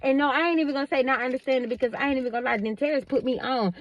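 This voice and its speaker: A woman's voice: high voice, steady tone, rapid-fire, lo-fi sound. A woman vlogger talking to her viewers in a casual monologue, emphatic and preachy, addressing them directly.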